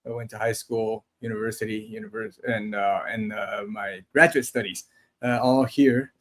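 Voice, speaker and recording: A man's voice: fairly low pitch, steady tone, moderate pace, a bit bright. A man in his forties from Taiwan, co-hosting a casual livestream chat, talking in a chatty, self-deprecating way with frequent restarts. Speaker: podcast co-host.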